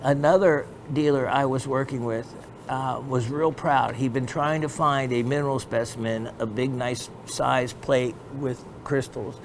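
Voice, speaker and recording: A man's voice: medium pitch, fairly even intonation, measured pace, a little hiss or hum. A man hosting a gemstone shopping show, giving a meandering educational sales talk full of fillers and restarts.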